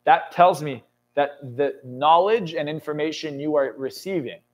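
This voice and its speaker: A man in his twenties, a motivational speaker and coach, gives a podcast interview in an indoor studio lounge set. He's intense and emphatic, swears often and builds to excited peaks, with a fairly high voice at a moderate pace.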